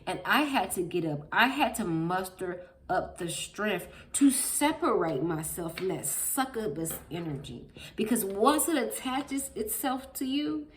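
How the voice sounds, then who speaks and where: A woman with a stuffy nose from a cold, giving an emphatic, preachy tarot reading straight to her viewers. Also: mid-range voice. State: congested from a cold, sniffling. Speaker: tarot reader.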